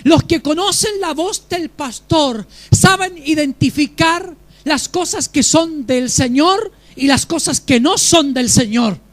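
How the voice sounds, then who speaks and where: A man delivers a sermon as a pastor, with a voice pitched unusually high for a man. He preaches with emphasis and keeps turning to the congregation with questions. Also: slow pace, a bit bright.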